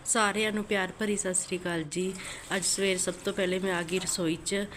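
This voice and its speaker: A woman's voice: lowish voice, little pitch movement, fairly quick, a bit bright, slight background noise. A woman hosting a home cooking channel, explaining each step in a homely, repetitive way while she has a sore throat, in her kitchen. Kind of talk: home cooking vlog narration.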